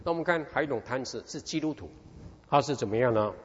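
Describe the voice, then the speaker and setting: A man's voice: medium pitch, quick pace, a little hiss or hum. A middle-aged man from Taiwan, preaching a sermon through a personal story and asking his listeners question after question. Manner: animated storytelling, constant rhetorical questions. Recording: dull recording in a reverberant hall.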